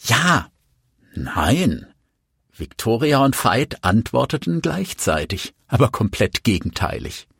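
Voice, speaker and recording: A man reading a novel aloud as an audiobook narrator, measured and expressive. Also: mid-range voice, creaky, husky, dry recording, studio quality. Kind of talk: scripted narration.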